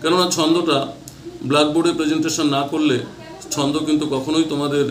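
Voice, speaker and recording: Male tutor, somewhat high-pitched, exam-prep lecture style, repeats key terms slowly, echoey room. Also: little pitch movement.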